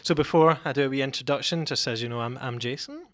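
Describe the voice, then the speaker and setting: A man's voice: medium pitch, fast, fairly bright tone, no echo, studio quality. Chatty man hosting a podcast. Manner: friendly, chatty, loose rambling introductions. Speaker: podcast host. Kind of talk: casual podcast chat.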